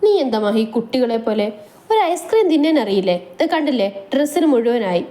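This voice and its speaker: A bossy young husband who teases his wife, from a romantic family storybook, read by a woman. The voice is mellow and sits fairly high. He scolds playfully. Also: big pitch swings, a little fast. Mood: teasing. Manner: teasing, scolding.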